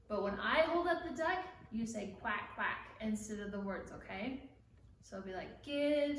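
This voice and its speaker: A woman teaching children songs, speaking gently and encouragingly and singing along. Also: fairly high pitch, slight background noise. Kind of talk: children's music lesson. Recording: echoey room from far off, music behind.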